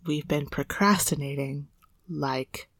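A woman co-hosts a podcast from inside a small clothes closet, joking and laughing and sometimes slipping into a whisper. Her voice sits a little low for a woman. The hanging clothes leave the sound completely dry, with no room echo. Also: slow pace, a bit bright. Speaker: podcast co-host. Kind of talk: casual banter. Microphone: close podcast microphone.

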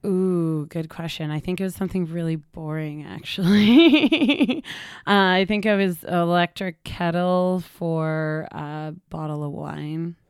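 A woman from Toronto, a guest on a casual podcast interview, upbeat and quick to laugh. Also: fairly low pitch, clean tone, no echo, studio quality. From Toronto, Canada.

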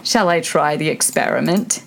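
A woman's voice: low voice, vocal fry, a bit bright. Woman putting on a pompous drawling duchess. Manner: slow, drawn-out and pompous. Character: fussy old woman, a duchess fond of morals.

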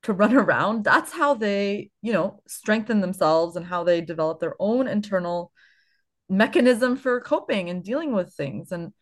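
Animated woman chatting on a parenting podcast. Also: mid-range voice, moderate pace. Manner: animated, laughs often, thinks aloud with fillers. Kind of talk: casual conversational podcast chat.

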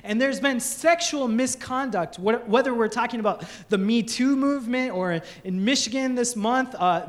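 Animated woman pastor preaching. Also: fairly high pitch. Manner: animated, laughing storyteller acting out voices. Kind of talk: sermon with storytelling.

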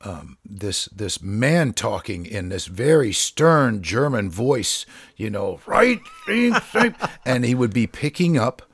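Gravelly low-voiced man being interviewed. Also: expressive, dry recording. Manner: halting, many fillers and restarts. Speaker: drummer guest. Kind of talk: casual interview conversation.

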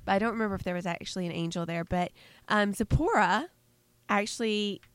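A woman's voice: medium pitch, brisk, clean tone, no room sound. A woman co-hosting a casual Bible podcast, chatty and playful, laughing often as she talks. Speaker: podcast co-host.

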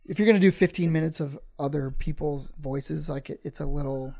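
A man's voice: fairly high pitch, brisk, creaky, warm tone. A man, a stand-up comedian, chatting casually on a podcast, rambling with many fillers and restarts.

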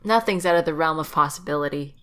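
A woman's voice: deep voice, quick pace. A woman co-hosting a casual podcast chat, thinking aloud with fillers and laughing easily. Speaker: podcast co-host.

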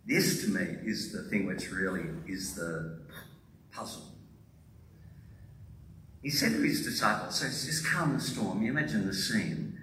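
A man's voice: expressive, measured pace, pauses often, fairly bright tone, a little hiss or hum. Male preacher, conversational sermon, voices the characters, roomy church sound picked up from a distance. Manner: conversational, acts out disciples' voices with sudden high exclamations. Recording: roomy echo, distant from mic, faint ambience.

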